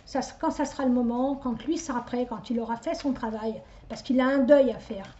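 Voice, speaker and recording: A middle-aged woman talks directly to her viewers as a psychic medium, her fairly high voice soft and mellow. She rambles and hesitates, restarting her words again and again. The recording sounds dull and lo-fi. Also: fairly quick. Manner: talks directly to the listener, chatty and insistent. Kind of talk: casual spoken reading to viewers.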